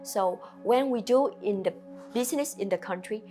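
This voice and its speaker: Faint music plays behind a restaurant owner from Vietnam as she answers an interviewer's questions. Her English is simple, halting and non-native, with a Vietnamese accent and lots of fillers, and her voice is medium-pitched and mellow.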